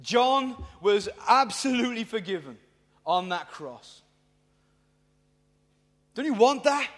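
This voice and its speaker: Welsh guy preaching, earnest and fired up, goes quiet then loud, really high voice. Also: animated, takes it slowly. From Wales. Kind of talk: evangelical sermon. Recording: long hall reverb.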